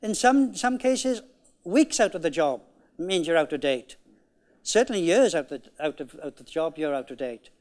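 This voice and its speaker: A man's voice: on the high side, animated, moderate pace, a little mellow. A man giving a conference keynote talk in an emphatic, conversational way, often repeating key phrases. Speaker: keynote speaker. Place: conference hall.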